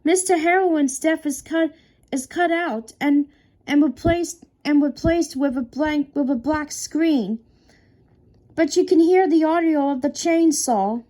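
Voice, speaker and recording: A woman narrating a horror story in a halting way, with frequent restarts. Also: high voice, warm tone. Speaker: creepypasta narrator. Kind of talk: unscripted horror story reading.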